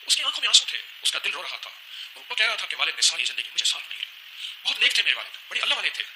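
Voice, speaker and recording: Bright-voiced man preaching a sermon. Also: a little high, very animated, a little hiss or hum, poor audio. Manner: emotional, repetitive preaching, slow chanted prayers. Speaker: religious speaker. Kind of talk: sermon with recitation.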